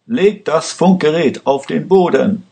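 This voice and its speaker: A man's voice: medium pitch, sing-song, measured pace. A man voicing a young male prisoner who speaks urgently, in a read-aloud story. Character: young male prisoner, desperate but loyal.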